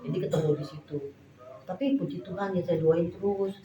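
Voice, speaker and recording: A woman's voice: fairly low pitch, fairly even intonation, a little fast, a crowd in the background. A middle-aged woman giving a casual church testimony, retelling family stories with lots of quoted dialogue. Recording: echoey room with background noise.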